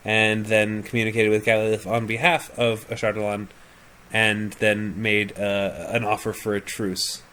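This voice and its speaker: A man's voice: on the low side, little pitch movement, a little slow, sharp tone. A man acting as game master of a tabletop game over a call, explaining lore with many fillers.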